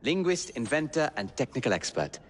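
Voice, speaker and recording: An actor playing a gentle, very polite Victorian gentleman. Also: mid-range voice, sing-song, a little fast, in a large hall, background noise, natural voice. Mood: courteous. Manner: soft-spoken, very polite.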